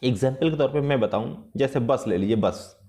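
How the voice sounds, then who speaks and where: A man teaching an English lesson with patience, repeating and rephrasing each point, slow and careful in English and quicker in the rest. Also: mid-range voice, dark tone. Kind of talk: explanatory lesson mixing Hindi and English.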